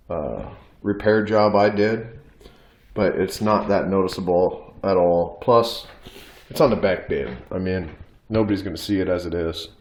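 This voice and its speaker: A man with a stuffed-up cold, casually showing off his collection in a home vlog, talking in a relaxed way with lots of ums and uhs. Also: fairly low pitch. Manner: relaxed, hesitant, many fillers. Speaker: mask collector. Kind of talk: casual show-and-tell vlog. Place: small bathroom at home. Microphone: phone camera. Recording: echoey small room.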